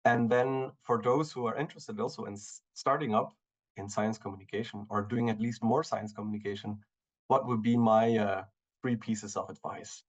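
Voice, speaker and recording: A man in his thirties from Belgium, giving a relaxed talk over a video call, with many fillers and restarts. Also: on the low side, moderate pace. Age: 30s. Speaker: guest speaker.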